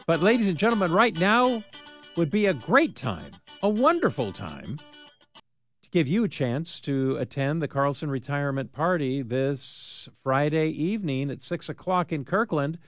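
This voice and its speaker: A man's voice: a little high, big pitch swings, unhurried, fairly bright tone, no room sound, faint music behind. An American man hosting talk radio, delivering an emphatic, announcer-like radio contest promo that calls for listeners to phone in.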